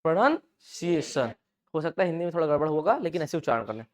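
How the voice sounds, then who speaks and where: A man's voice: fairly high pitch, expressive, rapid-fire. A man with an Indian accent teaching an English class, drilling pronunciation by asking students again and again and mixing Hindi with English words. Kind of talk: classroom lecture.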